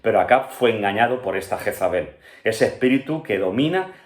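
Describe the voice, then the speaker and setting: A pastor from Spain with a Spanish accent, teaching an earnest Bible-study sermon that speaks straight to the listener and keeps checking in with him. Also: male voice, on the low side, expressive, fairly quick, reverberant. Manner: earnest, addresses listener directly with frequent "¿vale?" and "¿verdad?".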